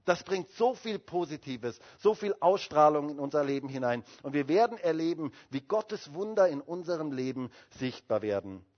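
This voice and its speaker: A man's voice: a little high, big pitch swings, normal speed, hardly any pauses. A male pastor preaching a sermon with emphatic calls and rhetorical questions to the congregation. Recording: dull lo-fi sermon recording.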